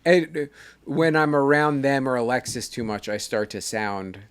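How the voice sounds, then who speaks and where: A man's voice: medium pitch, expressive, moderate pace, smooth. Easygoing New York man, podcast co-host. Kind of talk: casual chat.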